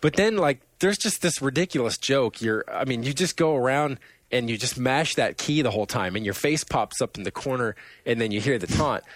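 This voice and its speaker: Rambling, animated man on a podcast. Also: medium pitch, brisk, dry recording. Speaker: podcast co-host. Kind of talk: casual gaming podcast chat.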